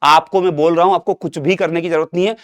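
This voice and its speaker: A man's voice: on the high side, steady tone, fast talker, no echo, studio quality. A young man teaching an exam-prep lesson, talking to students like an elder brother and repeating himself with rhetorical questions.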